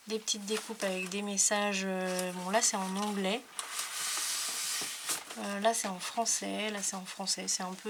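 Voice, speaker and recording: A woman's voice: medium pitch, background noise. A woman who chats casually and hesitantly as she shows off craft papers she received, with lots of fillers. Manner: chatty, hesitant with many fillers. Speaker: scrapbooking YouTuber. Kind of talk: casual product haul talk.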